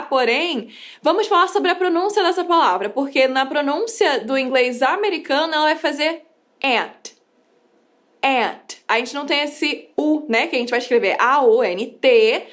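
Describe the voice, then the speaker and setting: Young woman teaching english in a casual video, high bright voice, chatty, lots of like and um. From United States. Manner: chatty and animated, lots of fillers; lively, playful teaching tone.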